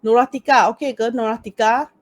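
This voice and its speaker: Her voice sits a little high and steady as she talks quickly through an informal online lesson. She's a university lecturer with a Malaysian accent, mixing Malay words and "lah" into casual Malaysian English. The sound is clean studio quality with no room echo, though she's on a computer video-call mic.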